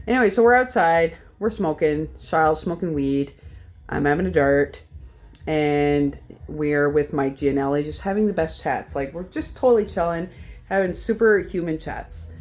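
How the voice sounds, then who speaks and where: A young Canadian woman telling a rambling, profane convention story in a casual vlog, a little tipsy from whiskey. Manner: rambling, profane, animated jumps in pitch. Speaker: vlogger, horror collector.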